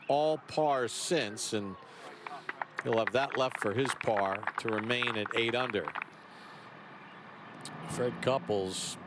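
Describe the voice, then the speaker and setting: A male golf commentator with a mid-pitched voice, setting up each shot as lead announcer. Clear outdoor ambience runs behind his play-by-play. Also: background noise.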